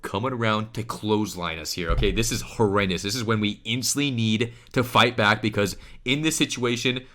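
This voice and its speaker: A man giving animated commentary as he breaks down a recorded game match, switching between hyped bursts and quiet asides. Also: on the low side, brisk, hardly any pauses. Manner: animated, emphatic, swings between hype and hushed asides. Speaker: pro player and streamer.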